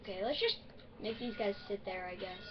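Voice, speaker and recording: A woman with the hiccups giving rambling, excitable let's-play commentary on a strategy game. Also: mid-range voice, a little fast, muffled recording, noisy background. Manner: chatty, easily excited, rambling. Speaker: gaming video host.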